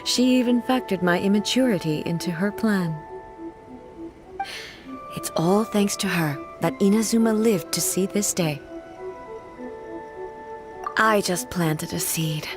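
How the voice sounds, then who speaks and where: A woman's voice: mid-range voice, a little slow, pauses often, close to an everyday voice. A woman acting a solemn, dignified female ruler. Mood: reflective. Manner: formal, grave, restrained. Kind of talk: video game cutscene voice acting. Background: faint background music.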